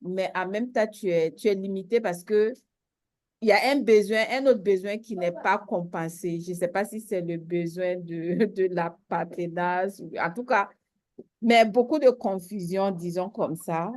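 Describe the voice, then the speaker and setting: A woman taking part in a group discussion, reflecting aloud and often pausing to find her words. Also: medium pitch, fairly even intonation, darkish tone, no room sound, clean studio sound. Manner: hesitant, searching for words. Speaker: participant. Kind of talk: reflective sharing.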